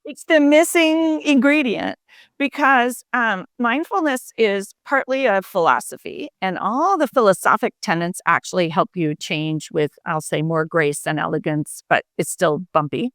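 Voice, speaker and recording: A woman's voice: mid-range voice, unhurried, a bit bright, no echo, clean studio sound. A woman physician and mindfulness coach, a podcast guest, explaining her ideas in a reflective, conversational way with many fillers. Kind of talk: conversational interview.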